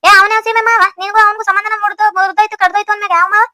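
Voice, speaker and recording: A woman acts out a shrill, rapid-fire village scold from a cartoon, tearing into her family with a North Karnataka Kannada accent. The voice sits very high and races along, bright and sharp, in a close, dry recording. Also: little pitch movement, dry recording. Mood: bossy. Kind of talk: cartoon voice acting.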